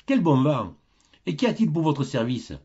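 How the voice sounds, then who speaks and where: Un mec qui fait un vieux saint sympa de conte, ton chaleureux, intonation qui bouge pas mal. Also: male voice, fairly high pitch, big pitch swings, normal speed, slightly rough, highs cut off, pitched above the performer's own voice, exaggerated voice. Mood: welcoming. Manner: warm, familiar and obliging. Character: kindly old male saint, heaven's gatekeeper.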